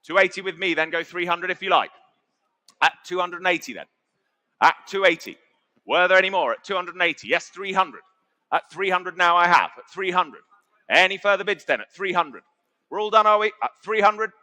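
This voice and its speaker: British guy auctioneer, highish bright voice, chatty bid calling, repeats the numbers. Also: lively intonation, brisk. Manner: conversational, repeats bid figures. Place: auction sale room.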